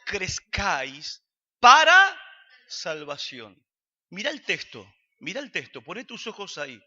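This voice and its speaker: High-voiced Argentine preacher, slow and sharp. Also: male voice, wildly swooping pitch. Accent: Argentine Spanish. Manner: questions the congregation and answers himself. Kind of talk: sermon. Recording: dull recording with long hall reverb.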